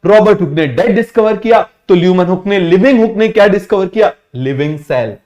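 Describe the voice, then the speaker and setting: A man's voice: high voice, lively intonation, fairly quick, darkish tone. A man teaching biology in an online exam-prep lecture, quizzing students with repeated questions and mixing in English science terms. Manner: drills students with repeated call-and-response questions; mixes English science terms into casual talk.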